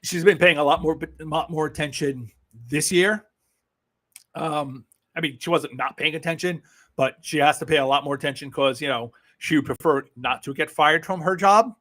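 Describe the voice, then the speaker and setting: A Brooklyn man with a New York accent hosts a casual political livestream, his voice fairly high and fairly bright at a normal pace. He's blunt and sarcastic, swearing freely and laughing often as he chats.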